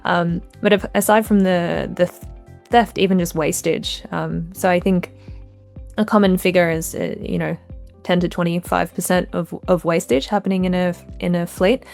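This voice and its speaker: A woman moderating a panel discussion, engaged and questioning, slightly halting. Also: lowish voice, fairly even intonation, vocal fry, darkish tone, soft background music.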